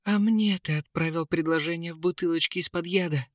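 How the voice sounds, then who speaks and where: A male narrator voicing an indignant female plant goddess, reproachful and piercingly high. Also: brisk, no room sound, clean studio sound, close to an everyday voice. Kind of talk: audiobook character voice.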